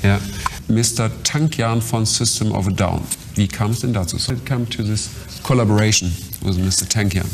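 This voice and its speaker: A man's voice: fairly low pitch, gravelly. A German-accented man hosts an interview in faltering English and chuckles often. A faint background hiss sits under his voice. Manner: halting English, laughs easily.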